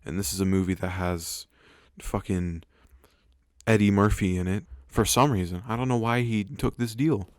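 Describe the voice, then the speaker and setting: A young man rambles through a crude, sarcastic movie review. His voice sits a little low, and the sound is close and dry, with no room around it. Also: moderate pace, darkish tone, dry recording. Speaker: YouTube commentator. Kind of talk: profane movie commentary.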